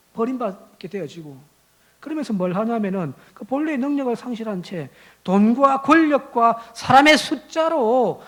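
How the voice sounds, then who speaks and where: A male pastor preaching a Sunday sermon in a church sanctuary, driving his points home with rhetorical questions and swinging from quiet asides to loud, rising exhortation. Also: very high voice.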